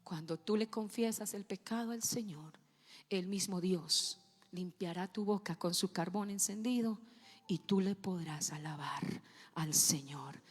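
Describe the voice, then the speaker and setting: A woman pastor preaching a passionate sermon, moving between shouted declarations and hushed, whispered pleas. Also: mid-range voice, measured pace. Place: church. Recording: long church reverb with faint music.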